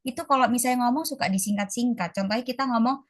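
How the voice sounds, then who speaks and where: A woman tutoring an online class, chatting casually and stretching out model phrases slowly. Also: a little high, dry recording, clean studio sound. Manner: slow, drawn-out model pronunciations; casual, chatty teaching, calls students guys. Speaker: Mandarin tutor. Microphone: video call.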